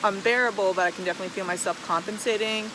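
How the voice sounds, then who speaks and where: Rambling American hiker over loud rushing water. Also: medium pitch, steady tone, background noise. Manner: rambling, hesitant, frequent "like". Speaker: vlogger, long-distance hiker. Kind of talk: casual rambling video diary. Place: outdoors beside rushing waterfall.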